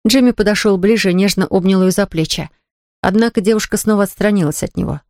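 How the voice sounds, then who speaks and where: An audiobook narrator reading a novel in an even storytelling manner. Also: medium pitch, fast talker, no echo, studio quality. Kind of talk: scripted narration.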